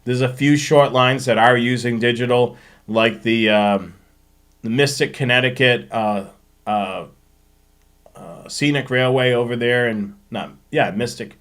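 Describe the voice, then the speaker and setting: A man with a mid-pitched voice, speaking a little slowly, hosts a casual railfanning live stream. He talks informally, explaining technical points and thinking out loud as he answers questions.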